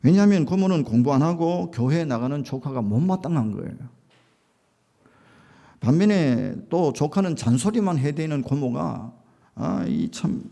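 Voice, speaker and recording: A man's voice: medium pitch, creaky, mellow. A man preaching a sermon as a pastor, telling a story with rising emphasis and acted-out quotes.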